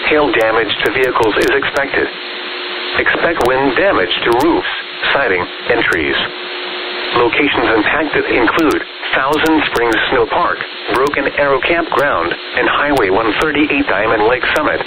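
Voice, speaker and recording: A synthetic man's voice reading an automated weather radio bulletin in a measured, formulaic announcer delivery. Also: mid-range voice, lively intonation, background noise.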